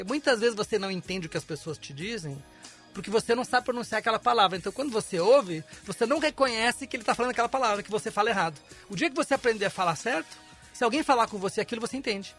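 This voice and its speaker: A man who teaches English appears as a guest on a radio interview in a studio, explaining pronunciation and demonstrating sounds. His voice is high with a fairly bright tone.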